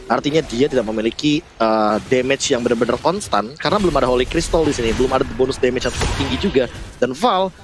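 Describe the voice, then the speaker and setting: A man's voice: mid-range voice, quick pace, noisy background. A man with an Indonesian accent giving detailed, explanatory analysis as part of an esports commentary team.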